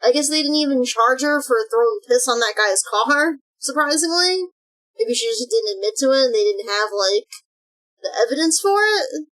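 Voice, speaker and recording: A woman's voice: sits high, animated, normal speed, a bit bright, rough recording. A woman streamer giving casual reaction commentary in a cute anime streamer manner.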